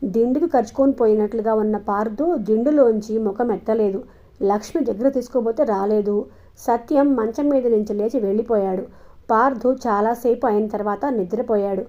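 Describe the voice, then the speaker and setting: Woman reading a novel aloud, calm and steady, muffled lo-fi audio. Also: fairly high pitch, a little fast. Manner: calm, even storytelling. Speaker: audiobook narrator. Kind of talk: scripted narration. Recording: dull lo-fi recording.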